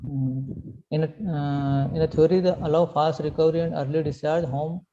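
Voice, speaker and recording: A man with an Indian accent reading a formal medical conference presentation aloud, somewhat haltingly. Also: on the high side, fairly even intonation, mellow. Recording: dull, lo-fi video call audio.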